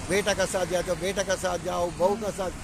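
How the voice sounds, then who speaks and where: A man working as a driving instructor, reeling off a route stop by stop and giving blessings in mixed Hindi and English, outdoors by a highway. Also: level tone, fairly quick. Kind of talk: roadside student interview. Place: outdoors beside a busy highway. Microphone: phone camera held by the speaker. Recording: loud wind and traffic noise.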